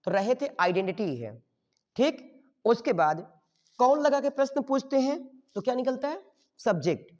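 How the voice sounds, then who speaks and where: A man's voice: very high-pitched, very animated, moderate pace, a little mellow. Male tutor, quizzing style, keeps checking the class understands; recorded dull with a long reverb tail. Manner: quizzes the class and answers his own questions; checks in with "okay?" after each step. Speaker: teacher. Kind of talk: grammar lesson.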